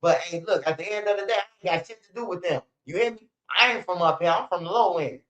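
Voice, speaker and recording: He's a man in his forties who hosts a street news channel, talking fast in a high, slightly bright voice. Swearing freely and saying "bro" and "man" a lot, he tells street stories on a livestream in a casual, no-nonsense way.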